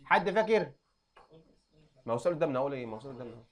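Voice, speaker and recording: A young adult man with an Egyptian accent, teaching an Arabic grammar lesson and quizzing students with quick questions. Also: mid-range voice, lively intonation. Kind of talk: classroom lesson.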